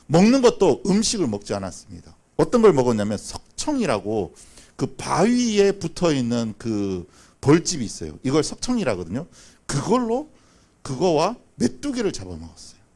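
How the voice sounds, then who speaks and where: A man telling a Bible story as a children's sermon, acting out the characters with lively, animated delivery. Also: fairly high pitch, moderate pace. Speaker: children's pastor. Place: church.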